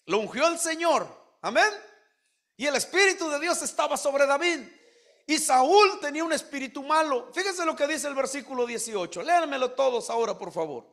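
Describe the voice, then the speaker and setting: A man preaching a sermon as pastor, asking the congregation questions, mimicking church members and rising to shouts. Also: very high voice, expressive, normal speed.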